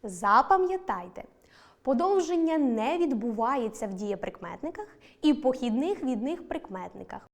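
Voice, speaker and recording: A woman teacher with a Ukrainian accent giving a recorded online lesson, slowly stressing each example word. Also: a little high, sing-song. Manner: slow, deliberate stress on example words.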